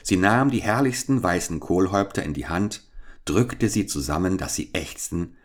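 A man narrating a fairy-tale audiobook in a calm, even storytelling manner. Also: low-pitched, normal speed.

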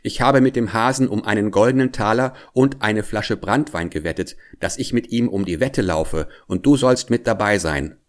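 A man's voice: fairly low pitch, moderate pace, hardly any pauses, natural voice. A man voicing a small, scheming male hedgehog in a storybook reading, confident and bossy. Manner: cunning, confident, bossy toward his wife. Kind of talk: storybook character voice.

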